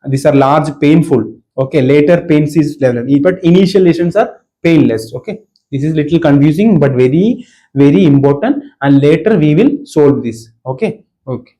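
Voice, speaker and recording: A man's voice: a little high, expressive, normal speed, mellow, rough recording. A man with a Malayali Indian accent, a native Malayalam speaker, teaching an informal exam-revision lecture, emphatically repeating key words and checking for understanding. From Kerala, India. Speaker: medical exam coaching teacher.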